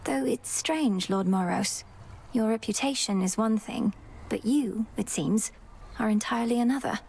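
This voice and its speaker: A woman's voice: a little high, normal speed, gravelly, a little mellow, a little hiss or hum. An actress playing an earnest, polite, determined young witch princess in a video game.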